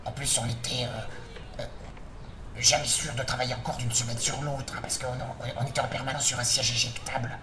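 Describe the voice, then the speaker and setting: A man giving an informal spoken testimony as an anonymous witness, in a hesitant, halting way. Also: mid-range voice, little pitch movement. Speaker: anonymous witness, former freelance worker. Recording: roomy echo, distant mic, clear background noise.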